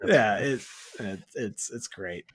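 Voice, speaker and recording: A man's voice: fairly low pitch, animated, takes it slowly. A man co-hosting a movie podcast in casual chat, rambling and playful with many fillers. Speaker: podcast co-host.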